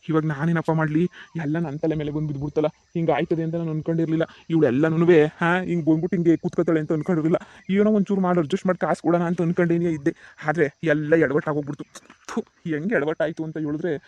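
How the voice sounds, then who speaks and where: A man plays a harried village husband in a cartoon comedy, placating and grumbling to himself. He talks fast in a slightly raised voice. The recording is dry and close. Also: a little high, darkish tone, dry recording, close to an everyday voice. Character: harried middle-aged village husband caught between women.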